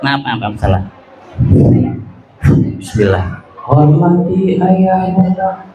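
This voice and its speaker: A man with a high voice tells stories to a crowd of children, taking his time and leading them in playful call-and-response with sudden shouts. He sounds like he is in a very echoey hall, with clear noise behind him. His lilt colors every phrase. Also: big pitch swings, slow pace, highs cut off, faint music behind. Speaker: children's storyteller. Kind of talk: lively storytelling for children at an event.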